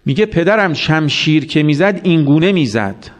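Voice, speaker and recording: A man's voice: a little high, animated. A man giving a religious sermon, telling stories and asking the listeners questions. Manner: storytelling with acted quotes and rhetorical questions. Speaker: preacher.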